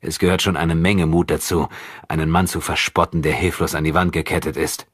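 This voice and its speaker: A bitter, defiant prisoner spitting scorn at his captor in a raised, forceful voice, as a man puts him on in an audiobook. The tone is low for a man and husky, recorded dry. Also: little pitch movement, fairly quick, dry recording. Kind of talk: audiobook character reading.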